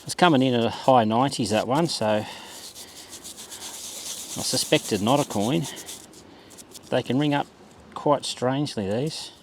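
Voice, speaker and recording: A man's voice: medium pitch, a little slow, pauses often. A man giving a laid-back, understated running commentary outdoors on a beach, half talking to himself as he searches, in the casual way of a hobby vlogger. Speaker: metal detecting vlogger. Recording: clear outdoor background noise.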